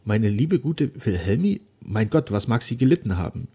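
A man voicing a gentle, devoted young woman in a read-aloud novel, speaking earnestly in a raised voice. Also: big pitch swings, moderate pace, husky, exaggerated voice. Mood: tearful devotion. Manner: earnest, pleading, raised pitch.

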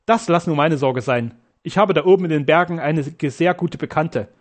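A man reading an audiobook voices a calculating notary who lays out a plot in a measured, conspiratorial way. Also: a little high, close to an everyday voice. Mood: scheming. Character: cunning male notary, calculating plotter.

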